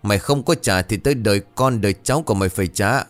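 A man's voice: lowish voice, fast talker, faint music behind, lightly acted. A man voicing a cruel, arrogant rich landlord villain, harsh and threatening. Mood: menacing.

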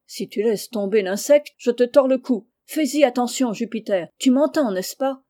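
A woman reading aloud, voicing an excitable, obsessed man who gives urgent orders in a story. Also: on the high side, moderate pace, natural voice. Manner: urgent, commanding questions. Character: excitable eccentric man, obsessed treasure seeker.

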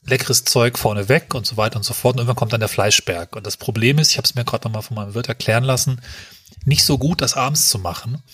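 Fast-talking man with a husky voice. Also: mid-range voice, a bit bright. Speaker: podcast co-host. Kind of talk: casual chat.

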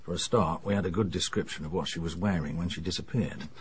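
An actor playing a middle-aged English police inspector, dry, sardonic and matter-of-fact in a radio drama. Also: male voice, low voice, quick pace, slight background noise, natural voice. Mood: briskly reporting.

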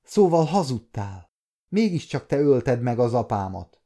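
A man's voice: mid-range voice, lively intonation, mellow, lightly acted. A man voicing a tearful, defiant young girl who works as a kitchen maid, speaking in a raised, pleading voice. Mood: tearful anger.

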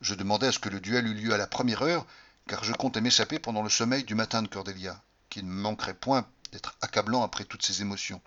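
Bright-voiced man reading a novel. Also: lowish voice, quick pace. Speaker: audiobook narrator. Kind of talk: dramatic first-person novel reading. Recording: slightly dull lo-fi recording.

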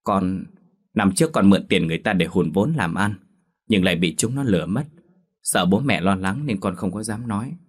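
A man's voice: deep voice, normal speed, slightly rough. A man voicing a desperate young woman in debt, pleading and tearful with her mother, in a Vietnamese audio story.

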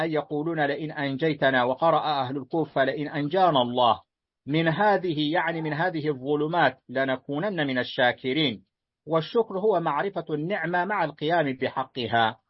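A man reading a classical text aloud to his teacher in a lesson, measured and deferential, slowing on the verses. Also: fairly high pitch. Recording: dull lo-fi recording.

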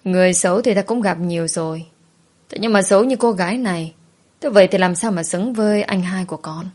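Woman doing a bossy old granny, scornful, snaps at people, lowish voice. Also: a little fast, close to an everyday voice. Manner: scolding, sharp outbursts. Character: stern imperious old grandmother, scornful.

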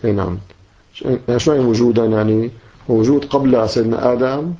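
A man's voice: medium pitch, steady tone, fast talker, dark tone. A man teaching a religious text, explaining each line and repeating key words, often closing a point with "yes.". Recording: dull lo-fi recording.

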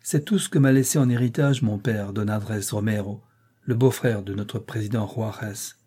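A smooth-talking villain, as a man reads him delivers threats with hypocritical gentleness. His voice is mellow and husky. It sounds like a storybook reading. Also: lowish voice, steady tone, normal speed. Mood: menacing.

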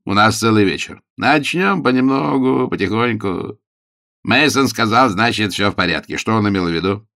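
A man reading a novel aloud, voicing a genial, mischievous older gentleman in a hearty, emphatic manner. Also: lowish voice, normal speed. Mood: coaxing. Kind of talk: audiobook character voice.

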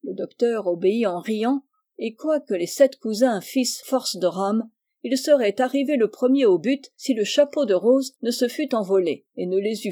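A woman reading a children's novel aloud, clear and evenly paced in her storybook narration. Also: medium pitch, mellow. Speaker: audiobook reader.

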